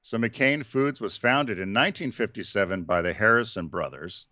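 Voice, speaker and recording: Casting: low-voiced male co-host, chatty and rambling, dry dull recording. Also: normal speed, sharp tone, dry recording. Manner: rambling, many fillers and restarts. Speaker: podcast co-host. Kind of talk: casual business chat.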